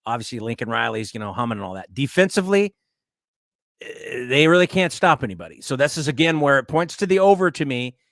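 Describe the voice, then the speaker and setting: A man co-hosting a sports talk show, chatting casually and joking, often trailing off softly. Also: medium pitch, animated, fast, creaky, no room sound, clean studio sound. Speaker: co-host.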